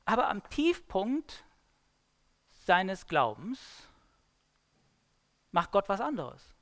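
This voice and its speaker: A woman delivers a sermon-style Bible talk, retelling the story with dramatic flair. Her pitch rises and falls in a lively, animated way, and she moves between loud emphasis and near-hushed lines. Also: very slow. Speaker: preacher.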